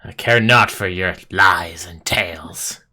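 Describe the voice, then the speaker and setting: Casting: man playing a stern non-human warrior for tabletop fantasy; low, very slow, theatrical menace, scornful and archaic. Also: sharp tone, full character voice. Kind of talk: tabletop role-play.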